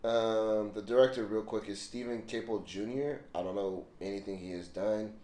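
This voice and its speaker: Man, low voice, tired, laid-back, casual film chat, echoey room. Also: fairly even intonation, normal speed, dark tone. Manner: laid-back, jokey, puts on voices when retelling. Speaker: podcast co-host.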